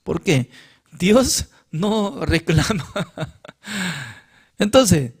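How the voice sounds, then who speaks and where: A man's voice: high-pitched, very animated, drawn-out words, husky. A man teaching a Bible class who reads scripture aloud, explains it phrase by phrase, and asks his listeners questions that he answers himself.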